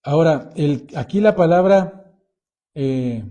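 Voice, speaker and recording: A man preaching a Bible-teaching sermon, explaining verses in a deliberate way and calling his listeners brothers. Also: a little high, expressive, warm tone.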